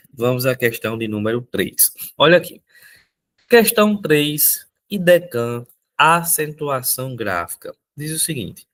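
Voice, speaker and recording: A man's voice: medium pitch, fairly bright tone. A male teacher, teaching an upbeat exam-prep lesson. He repeats key points and keeps asking his viewers questions.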